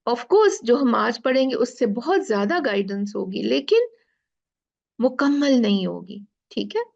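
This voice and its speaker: A woman teaching Quran recitation rules, explaining slowly step by step and often checking in with her listeners. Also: on the high side, big pitch swings, gravelly, a little mellow, lo-fi sound. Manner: slow, explaining step by step with frequent "theek hai". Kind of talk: tajweed lesson.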